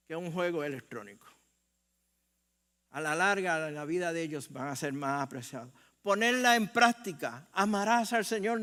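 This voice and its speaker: Older Puerto Rican pastor, high voice, chatty sermon with rhetorical questions, long church reverb. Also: male voice, fairly bright tone. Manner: conversational preaching with rhetorical questions and humor. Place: church sanctuary.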